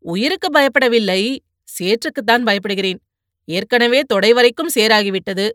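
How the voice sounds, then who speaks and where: A woman's voice: fairly high pitch, normal speed, fairly bright tone, no room sound, clean studio sound, natural voice. A woman voicing a vain, teasing young male warrior in playful banter, in an audiobook.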